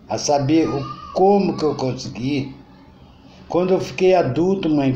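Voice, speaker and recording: A man voicing a grown son, just convicted, who bitterly blames his mother in a lower, quieter voice. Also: a little hiss or hum, lightly acted. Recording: dull roomy recording.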